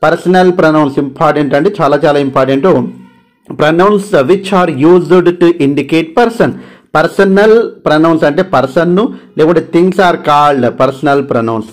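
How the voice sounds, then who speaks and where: A man with a Telugu accent and a fairly high voice runs an exam-prep grammar lesson. He explains in Telugu and reads the English examples slowly and deliberately. He repeats the key points again and again to stress them. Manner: repeats words for stress, switches between Telugu and slow English. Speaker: English teacher.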